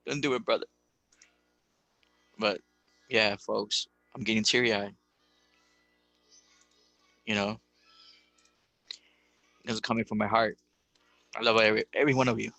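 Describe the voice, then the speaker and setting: A man's voice: on the low side, level tone, a little slow, creaky, long pauses, pushed and bright, no echo, soft background music, rough recording. A man giving a casual livestream lecture on spirituality, talking in an emphatic, preachy way, repeating rhetorical questions and swearing casually.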